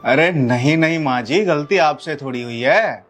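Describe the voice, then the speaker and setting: A bossy, scornful husband in a homemade family drama skit, played by a man. His voice sits a little high and snaps out orders. Faint music plays behind him. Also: unhurried. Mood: bitter sarcasm. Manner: shouting, rude, commanding. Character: harsh domineering young husband, scornful of his in-laws.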